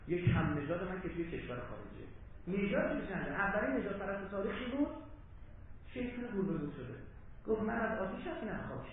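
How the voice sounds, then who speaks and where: A man giving an impassioned public lecture in a hall, swinging between loud urging and low asides. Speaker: religious lecturer. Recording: very echoey hall, tinny phone-like sound, faint hiss.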